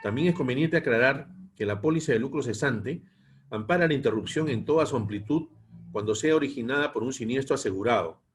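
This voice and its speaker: A man teaching a class, reading long technical passages aloud at a measured, steady pace and then explaining them. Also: mid-range voice, a little hiss or hum. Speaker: instructor. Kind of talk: lecture reading aloud from text. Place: online class.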